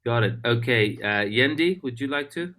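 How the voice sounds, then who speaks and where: A man hosting an online webinar over a video call, talking in a casual, halting way with many fillers and restarts. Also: mid-range voice, lively intonation, bright, forceful tone. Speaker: webinar host.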